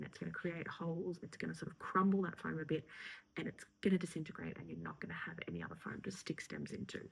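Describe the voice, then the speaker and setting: A woman's voice: lowish voice, creaky, breathy edge, rough recording. A woman florist giving a casual step-by-step tutorial, chatty and encouraging, often dropping into a half-whisper as she works. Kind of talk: casual instructional talk while working.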